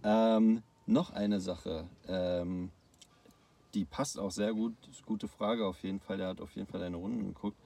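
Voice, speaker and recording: A man hosting a podcast, casually reading out listener questions in relaxed slang. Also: lowish voice, measured pace, creaky. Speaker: podcast host. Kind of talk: casual interview chat.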